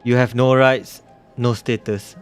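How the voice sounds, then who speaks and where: A man reading the lines of a weary, guarded cyborg doctor in a calm, measured way. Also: medium pitch, clear, resonant tone, soft background music, lightly acted.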